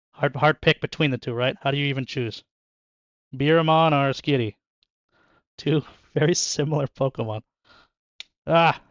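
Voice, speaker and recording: A man's voice: medium pitch, no echo, highs cut off. A young man chatting casually and joking with viewers while opening card packs in his bedroom, laughing often. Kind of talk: casual chat with live chat. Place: bedroom at home.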